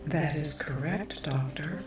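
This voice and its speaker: A woman's voice: low voice, takes it slowly. A woman voicing an omnipotent AI android in an ASMR role-play, robotic, cold, formal and detached. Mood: cold, measured. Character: omnipotent female android AI from the future, cold, superior. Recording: long echo, distant, music behind.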